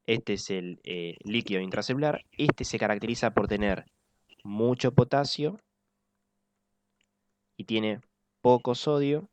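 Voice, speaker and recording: A man teaching physiology in an online class, explaining step by step and slowing down to repeat key points. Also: lowish voice, clear, resonant tone. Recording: dull lo-fi dry sound.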